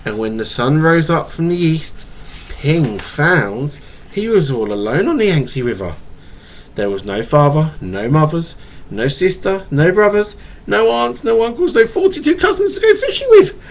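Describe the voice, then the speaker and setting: On a home webcam mic, a man with a slight stutter animatedly reads a picture book to his small child, playfully chatting in between. His voice sits on the higher side and keeps a measured pace.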